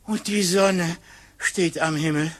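A man's voice: high-pitched, fairly even intonation, slow, a bit bright. An actor playing a nervous, stammering man from modern times who is stranded in the Middle Ages, in an old radio play. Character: flustered modern judicial councillor Müller, stranded in 1500. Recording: roomy, distant old radio recording.

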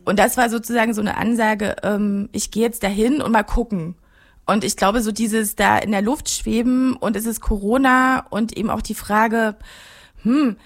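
Gravelly-voiced German woman, reflective. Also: fairly high pitch, steady tone, normal speed. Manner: reflective, searching for words with many fillers. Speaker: filmmaker guest. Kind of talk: interview conversation.

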